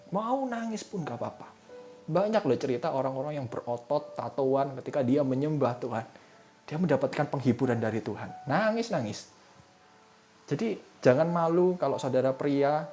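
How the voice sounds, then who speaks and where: A man giving a sermon in a casual, conversational way, speaking straight to his listeners. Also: medium pitch. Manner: casual conversational preaching, addresses listeners as "saudara". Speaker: preacher. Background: soft instrumental music.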